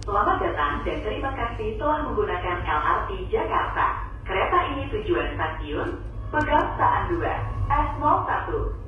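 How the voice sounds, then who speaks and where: A woman giving a formal, measured prerecorded announcement over a train's public-address loudspeaker, heard from afar inside a moving carriage. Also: medium pitch, very animated, recorded from a distance. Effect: onboard train public-address loudspeaker announcement. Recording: muffled echoey loudspeaker heard from afar, noisy.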